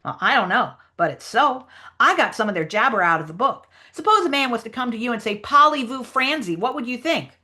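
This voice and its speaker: A woman's voice: a little high, expressive, fairly quick, bright, forceful tone, voice pushed up. A woman reading aloud as a cocky boy who lectures his friend, in a raised, explaining voice. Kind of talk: reading aloud a novel dialogue.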